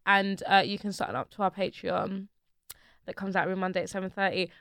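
A woman's voice: medium pitch, steady tone, a little fast, fairly bright tone, clear, resonant tone, dry recording. A woman with an urban London accent and lots of street slang, hosting a podcast in a casual, playful chat. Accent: London, urban multicultural slang. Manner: slangy, playful, repeats phrases for emphasis. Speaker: podcast host.

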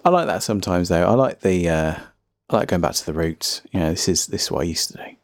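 A man's voice: low-pitched, animated, fast, no room sound. A man with a faint Birmingham accent hosting a casual solo music podcast, chatty, rambling and self-deprecating. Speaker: podcast host.

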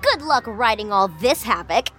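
A woman's voice: a little high, animated, normal speed, a bit bright, faint music behind. A woman playing a smug, mock-innocent female villain who loves chaos, in a children's audio story. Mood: gloating, gleeful. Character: gleeful, smug female mischief-making villain.

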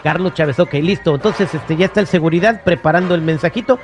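A man's voice: fairly high pitch, fast, faint music behind. A man hosting a morning radio prank show, upbeat and joking. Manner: upbeat, joking, laughing often. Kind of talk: casual radio prank banter.

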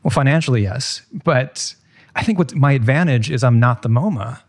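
A man's voice: medium pitch, expressive, normal speed. A man speaking as a museum tour guide guest in a podcast conversation, casual and reflective.

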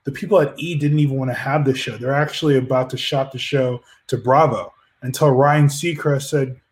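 A man's voice: mid-range voice, fairly even intonation, a little fast. A man co-hosting a casual chat, rambling and arguing his point with many restarts. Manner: rambling, argumentative, frequent restarts. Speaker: podcast co-host.

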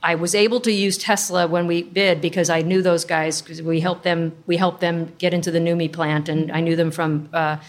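A woman's voice: on the low side, little pitch movement, normal speed, few pauses. A middle-aged woman speaking as a startup founder in an interview, explaining things informally with plenty of industry jargon. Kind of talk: conversational interview storytelling.

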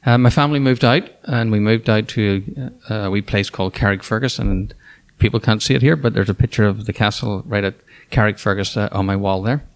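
A Northern Irish school superintendent in his fifties answers questions in a casual interview. His lowish voice moves a little fast with hardly any pauses, and his talk is full of fillers and restarts.

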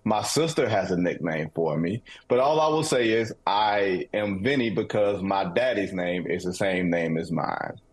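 Dry, guarded Detroit sports co-host. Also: male voice, low-pitched, animated, moderate pace, hardly any pauses. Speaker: podcast co-host. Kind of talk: casual sports talk.

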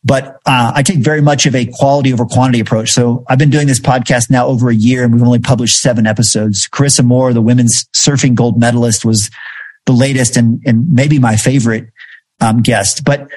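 A man's voice: mid-range voice, steady tone, a little fast, a little mellow. A man in a podcast interview, telling a story in a reflective way with frequent fillers. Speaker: podcast host and guest. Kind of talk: conversational storytelling.

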